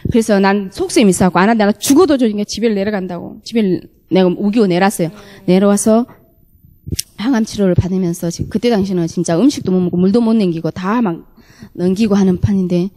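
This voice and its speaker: Female, earnest testimony speaker; rapid, warm low-toned voice; long hall reverb. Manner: earnest, rushing storytelling that re-enacts her own past words. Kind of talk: spoken church testimony.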